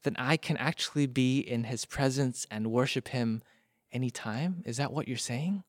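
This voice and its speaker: A man's voice: mid-range voice, normal speed, no echo, close to an everyday voice. Man preaching as curious foreign traveler, wondering, questioning, eager, dry close sound. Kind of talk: preacher acting out an illustration.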